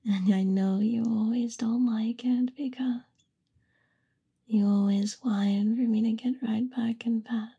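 A woman's voice: on the high side, steady tone, slow, gravelly, warm tone, breathy edge, highs cut off. A young woman whispering an affectionate, soothing ASMR roleplay. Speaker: ASMR performer.

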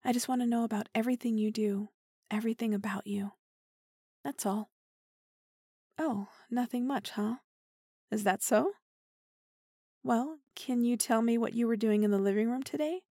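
A woman's voice: fairly high pitch, moderate pace, pauses often, dry recording, clean studio sound. A woman playing an obsessive, whispery girlfriend. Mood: possessive, doting, then probing, pleading. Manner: soft, intimate, often whispering. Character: obsessive possessive young woman, clingy, remorseful kidnapper girlfriend. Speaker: voice actor in audio roleplay. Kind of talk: intimate listener-roleplay audio drama.

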